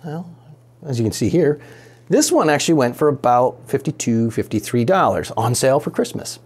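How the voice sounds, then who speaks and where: In a sing-song voice of medium pitch, darkish and slightly rough, a man hosts a radio restoration tutorial at normal speed. He muses aloud with rhetorical questions while casually explaining the DIY steps.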